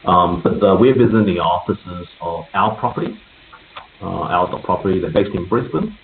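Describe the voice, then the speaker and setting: A man's voice: low voice, expressive, moderate pace. Man hosting a group voice call. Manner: chatty, laughs between points, many fillers. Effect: group voice call, heard over a conference line. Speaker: meeting host for a real estate network. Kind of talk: casual business meeting update. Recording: tinny echoey call line with faint hiss.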